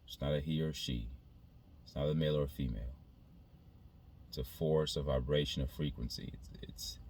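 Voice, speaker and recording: A man speaking in a casual, reflective monologue to his viewers, haltingly, repeating phrases as he thinks aloud. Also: a bass voice, slightly rough. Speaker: video creator.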